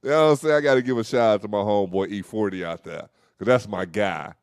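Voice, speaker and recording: A young man co-hosting a casual talk show, talking in loose slang and telling animated stories. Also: fairly low pitch, quick pace, clean tone, dry recording, clean studio sound. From Dallas, Texas. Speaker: host. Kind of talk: casual podcast chat.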